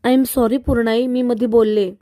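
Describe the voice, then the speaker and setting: Woman voicing a calm cautious doctor. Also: on the high side, normal speed, no room sound, clean studio sound, close to an everyday voice. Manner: calm, advising.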